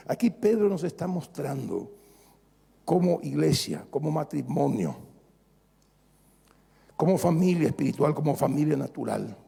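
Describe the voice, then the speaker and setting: Pastor guy preaching, mellow gravelly voice, jokey and animated, big echoey church sound. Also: on the high side. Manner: animated, jokes with the congregation; repeats phrases for emphasis. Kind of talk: lively sermon. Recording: long reverb of a large church hall.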